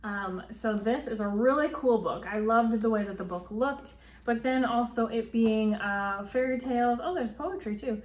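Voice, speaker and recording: A woman with a slightly high voice chats casually at a normal speed through a book haul, rambling with lots of "um" and "like." It's shot on a phone camera, giving a roomy sound with faint ambience.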